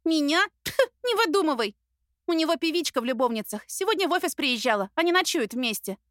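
Brief: woman voicing flustered young heroine, pitched up high, sharp-tongued, close dry read. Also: very animated, dry recording. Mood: indignant. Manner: agitated, breathless, rapid complaints.

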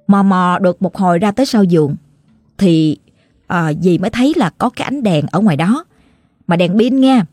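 A woman's voice: mid-range voice, mellow, dry recording, clean studio sound. A woman with a Southern Vietnamese accent narrating a ghost story in a chatty, colloquial, exclamatory way.

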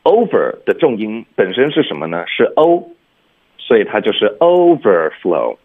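A man's voice: on the low side, big pitch swings, normal speed. A man teaching English pronunciation on a radio lesson, explaining patiently step by step and often checking in with "OK?", heard over a phone line.

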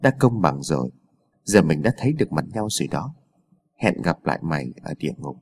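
A cold, mocking evil double with a deep, hushed and husky voice, as a man puts it on for a horror story. Every line drops low and soft, taunting and threatening. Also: very animated, a little fast, full character voice. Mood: menacing. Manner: low, quiet, taunting delivery.

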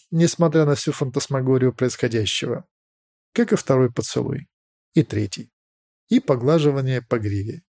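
A man reading fiction as an audiobook narrator, in a dramatic, expressive storytelling manner. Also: medium pitch, vocal fry, no echo, clean studio sound.

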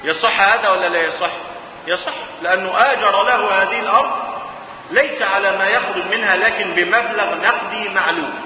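Egyptian male professor, high voice, rhetorical questions to students, recorded from far off in a booming hall. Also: a little fast. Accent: Egyptian Arabic. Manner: asks rhetorical questions and answers them himself. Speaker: Islamic jurisprudence professor. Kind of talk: colloquial classroom lecture. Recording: echoey hall, far mic, dull, hiss.

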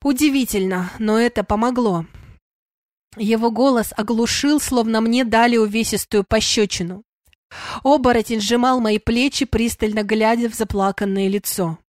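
A woman's voice: on the high side, moderate pace, no room sound, clean studio sound. A woman narrating a first-person audiobook in an emotional, tearful manner.

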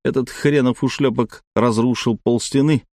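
In a dry, studio-quality recording, a mid-range male voice narrates an audiobook from a script. His storytelling stays steady and measured throughout.

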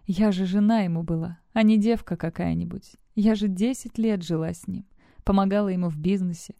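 A woman's voice: mid-range voice, fairly quick, vocal fry, warm tone, no echo, close to an everyday voice. Lora, an indignant young widow, read by a woman. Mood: pleading. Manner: demanding and pleading.

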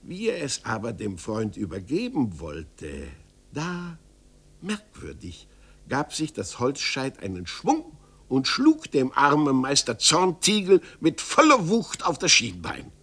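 A man narrating a story in a lively, expressive literary reading for radio. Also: mid-range voice, takes it slowly, slightly rough.

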